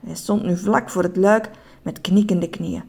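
A woman reading a children's story aloud in an expressive, animated way. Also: lowish voice, unhurried.

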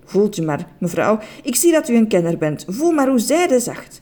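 A fussy male tailor in a storybook, all flattering sales talk, his voice lifting high and swooping with pride, as a woman puts him on. The tone stays mellow and soft at the edges. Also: moderate pace. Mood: proud. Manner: flattering sales patter, raised pitch.

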